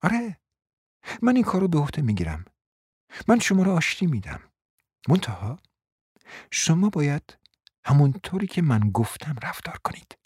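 A woman acting a cunning, flattering mother in a radio play, coaxing and often dropping to a whisper. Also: sits low, long pauses, slightly rough, dry recording, clean studio sound, full character voice. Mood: persuasive. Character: cunning, flattering provincial mother, persuasive and scheming. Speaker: scheming mother.

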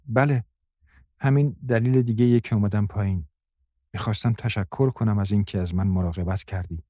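A man voicing a gentle, timid young woman who speaks softly and pleadingly in an audiobook. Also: lowish voice, no room sound, studio quality, close to an everyday voice. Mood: meek. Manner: soft, pleading.

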